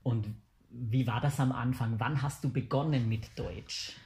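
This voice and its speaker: A woman's voice: extremely low pitch, steady tone, a little slow, mellow. A woman interviewer asking patient, encouraging follow-up questions.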